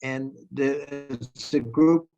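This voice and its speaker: A man heard over an online group video call, with a gravelly, creaky voice at an ordinary pitch. He answers questions in halting explanations and keeps restarting his sentences. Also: fairly even intonation, dark tone, dull audio, faint music behind. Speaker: guest lecturer answering questions.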